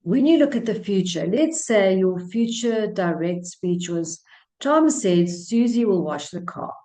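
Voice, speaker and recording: Slow, mellow-voiced woman teaching grammar. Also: mid-range voice, animated. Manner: patient, repeats points step by step. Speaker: English teacher. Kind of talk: explaining grammar on a slide.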